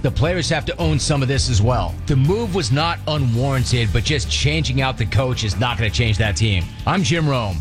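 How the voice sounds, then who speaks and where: A man's voice: medium pitch, expressive, normal speed, hardly any pauses, over music. A man delivering scripted, opinionated sports commentary as a radio commentator.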